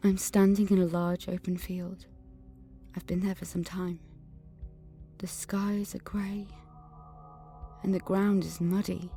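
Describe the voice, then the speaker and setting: A woman with a lowish, dark voice speaks slowly and flatly, pausing often, with faint music behind her. In an audio drama she plays an angry, suspicious teenage schoolgirl, earnestly narrating memories and visions and speaking dialogue in a haunted, measured mood.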